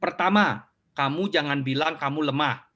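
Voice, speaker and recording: A man's voice: fairly high pitch, normal speed. A middle-aged man giving a motivational talk online, answering questions and acting out little scenes for his audience. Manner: animated storyteller who acts out scenes. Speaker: motivational speaker.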